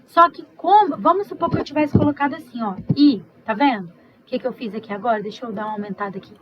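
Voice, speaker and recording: A woman teaching an online review lesson, explaining step by step, slowly repeating sounds and checking in with her students. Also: on the high side, dull audio, a little hiss or hum.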